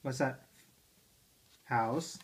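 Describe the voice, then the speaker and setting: A father draws out his words in a mid-range voice as he reads picture books to his toddler from an armchair in the living room at home. His tone is playful and coaxing, and he keeps asking her about the pages.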